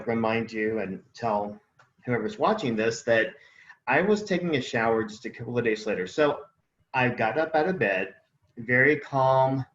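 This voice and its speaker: A podcast co-host with a lowish male voice rambles through a casual spiritual conversation, searching for words and using many fillers. The audio sounds roomy and dull.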